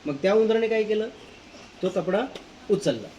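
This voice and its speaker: A male teacher tells a story to schoolchildren at school. He is lively and repeats phrases to carry the tale along, and his voice is slightly high. There is a faint hum of room noise behind him. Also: moderate pace.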